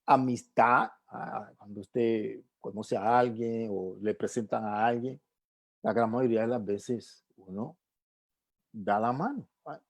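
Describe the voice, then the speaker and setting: Church bible class teacher, soft husky voice, keeps going "eh?" at the class. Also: mid-range voice, slow. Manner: keeps tagging questions to the class; asks and answers rhetorical questions.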